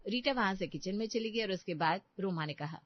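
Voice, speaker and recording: A woman's voice: mid-range voice, no echo. Woman narrating a cartoon story. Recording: dull, dry lo-fi.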